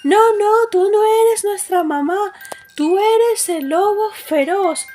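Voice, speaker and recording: Little storybook goat kids, voiced by a woman reading aloud speak in high, childlike tones. Their voices sound young, small and eager throughout. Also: slow pace, warm tone, faint music behind.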